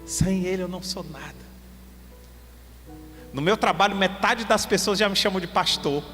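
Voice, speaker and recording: High, bright-voiced preaching man. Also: normal speed. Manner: emphatic, addresses the congregation directly. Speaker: pastor. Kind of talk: sermon. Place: church hall. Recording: long church-hall reverb, faint music.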